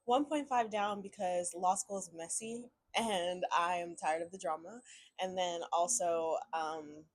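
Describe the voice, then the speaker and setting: A young law student from Houston, Texas answers interview questions in a fairly low, unhurried voice. She's candid and a little weary, laughing at times.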